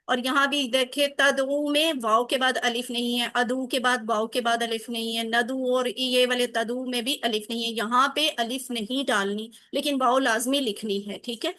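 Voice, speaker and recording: Woman, online teacher, high voice, bright tone, encouraging, asks many questions. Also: steady tone, hardly any pauses. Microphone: video call.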